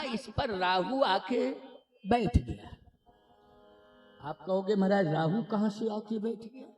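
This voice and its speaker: Male preacher, very high voice, slow unhurried delivery, sung verses, echoey hall, soft music behind. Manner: sings verses slowly, drawn out; asks the audience questions. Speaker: spiritual preacher. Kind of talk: devotional scripture storytelling sermon.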